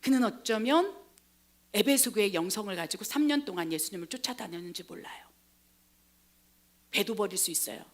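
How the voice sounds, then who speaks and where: A woman missionary pastor preaching a sermon, retelling scripture in a dramatic, animated way. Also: medium pitch, fairly quick, pauses often. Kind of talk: Korean sermon with acted retelling.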